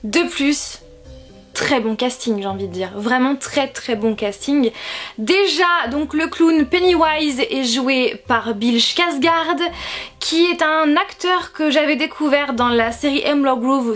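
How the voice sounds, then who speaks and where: A woman giving an emphatic, chatty video film review, her voice slightly nasal and congested from a sore throat. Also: high voice. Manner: emphatic, repeats words for stress.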